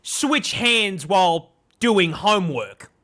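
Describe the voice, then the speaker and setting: A man's voice: high-pitched, animated, takes it slowly, pushed and bright, soft background music. A man delivering scripted comedic nature narration in an exaggerated, sweary style. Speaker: video narrator.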